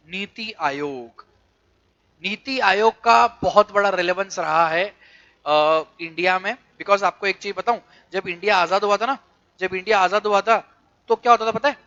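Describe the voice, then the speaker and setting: A man's voice: sits high, pushed and bright. A middle-aged male commerce teacher with an Indian English accent, lecturing and often stopping to quiz his students. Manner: mixes English and Hindi, quizzes students with quick questions. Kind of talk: classroom lecture. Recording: dull lo-fi lecture recording.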